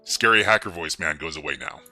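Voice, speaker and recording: A man's voice: fairly quick, pushed and bright, soft background music. A man livestreaming through a voice changer that morphs him into a mock-menacing "scary hacker" persona, talking in a playful, jokey way. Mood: casual. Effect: voice changer, deep morphed voice. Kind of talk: livestream hacking commentary.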